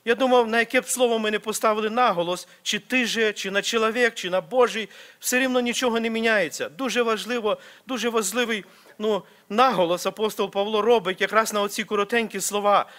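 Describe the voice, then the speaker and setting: A man's voice: high voice, a bit bright. A man preaching a sermon at a church service, earnest and repetitive, restarting phrases as he exhorts. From Ukraine or Slavic region.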